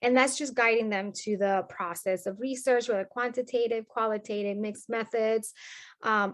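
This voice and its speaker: A sociology professor from Colombia, a woman with a Colombian Spanish accent and a mid-range voice, answers interview questions earnestly, explaining her points.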